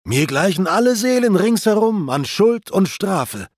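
A man's voice: high-pitched, sing-song, a little slow, dry recording, studio quality, voice pushed up, exaggerated voice. A man reading the part of a lamenting male glutton's ghost in an epic poem, with raised, pleading declamation.

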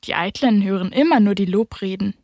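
A woman reads a children's classic aloud in a calm, even voice at a middle pitch. The recording is close and dry, with no room sound around her. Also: a little fast, no room sound. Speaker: narrator. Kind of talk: audiobook narration.

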